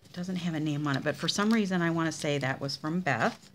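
A woman's voice: deep voice, brisk, slight background noise. A woman casually showing handmade cards in a craft vlog, chatty and gushing over each one. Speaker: craft demonstrator showing card swaps.

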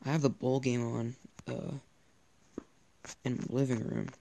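A man's voice: mid-range voice, steady tone, unhurried, gravelly, dark tone, a little hiss or hum. A teenage boy chatting casually over his own football gameplay, rambling and cheering plays on. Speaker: gaming YouTuber.

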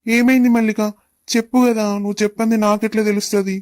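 A woman's voice: a little high, flat delivery, fast, darkish tone, no room sound, studio quality, close to an everyday voice. A woman playing a doting young husband who coaxes his wife in Telangana Telugu. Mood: coaxing. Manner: coaxing, affectionate, then indignant. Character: doting young husband, protective and quick-tempered.

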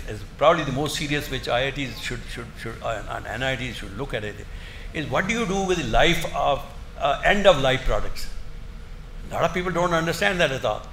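An older man giving an academic lecture in a halting, emphatic way, often repeating his words. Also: medium pitch, expressive, a bit bright. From India. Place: indoor lecture room, seated at a desk. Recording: roomy echo, faint background noise.

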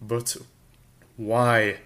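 A man's voice: medium pitch, little pitch movement, extremely slow, sharp tone. A man reading a storybook voices a flustered, indignant Englishman lying in the mud, speaking in sarcastic, exasperated bursts.

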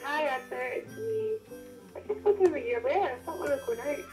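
A woman's voice: sits high, expressive, fairly quick, music in the background. A woman playing a caller who leaves a casual message on an answering machine over a landline phone. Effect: message left on an answering machine over a landline phone.

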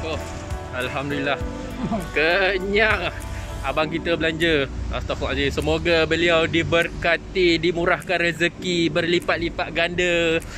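A man's voice: fairly high pitch, fairly even intonation, moderate pace. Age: unknown. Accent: Malaysian. Sex: man. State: talking through a face mask. Style: chatty food vlog, mixing in English phrases. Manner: offers cheerful blessings and thanks. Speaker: food vlogger. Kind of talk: casual food review vlog. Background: loud background music.

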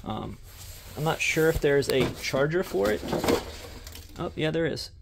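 A man sorts through belongings in an indoor self-storage unit, narrating his vlog casually with many fillers and false starts. His voice is on the high side and creaky, with a measured pace, against heavy noise.

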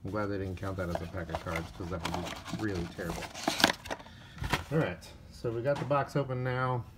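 A man with a deep voice opens card packs on camera, casually and unhurriedly talking through each one and reading player names in a flat list, sounding a little tired. Wrappers crinkle and cards click in the background, and the audio is very noisy.

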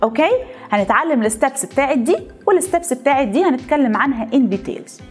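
A woman with an Egyptian Arabic accent teaching young children English phonics, praising them warmly as she drills each word. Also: sits high, fast, faint music behind. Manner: lively and encouraging, drawing words out for children to repeat.

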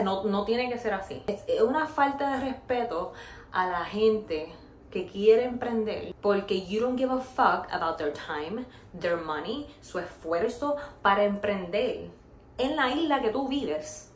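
A woman's voice: mid-range voice, expressive, a little slow. A woman in her thirties from Puerto Rico with a Puerto Rican accent, talking frankly and animatedly to camera in a casual vlog, mixing in English and swearing. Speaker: vlogger. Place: open-plan office, indoors. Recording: roomy office echo, faint room noise.

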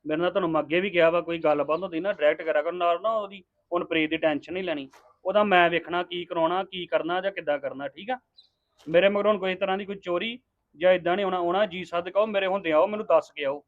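A man's voice: sits high, quick pace, lightly acted. A man acting a husband in a family drama, sternly lecturing his mother-in-law. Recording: tinny phone-like sound.

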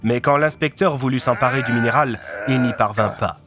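A male storyteller narrating a serialized audiobook in a steady, even manner. Faint music plays softly beneath his voice. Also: mid-range voice, fairly quick. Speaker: narrator and voice of all characters.

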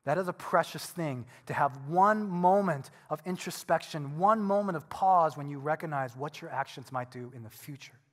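A middle-aged man preaching a sermon as pastor, earnest, moving between quiet reflection and loud animated bursts. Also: fairly high pitch, moderate pace, few pauses. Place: church sanctuary. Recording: long reverb of a church hall.

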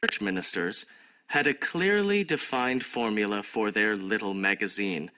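A man reading an English listening exam passage in a measured, scripted way. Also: on the low side, expressive, noisy background. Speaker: exam audio reader.

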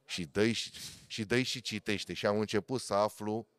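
A man, a motorsport commentator telling animated stories in a casual podcast chat. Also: clean tone, no echo. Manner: animated storyteller, swings loud and high for emphasis.

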